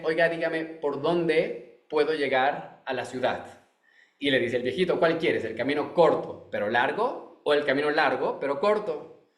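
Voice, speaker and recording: Echoey man teaching a class. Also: fairly high pitch. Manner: repetitive, restarts phrases while explaining. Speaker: Torah teacher. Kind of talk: online masterclass lecture.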